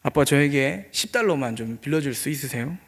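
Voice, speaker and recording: A man's voice: mid-range voice, lively intonation, fairly quick. A man voicing a timid little boy in a story told during a sermon, with a hesitant, pleading manner. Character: timid little boy asking his father.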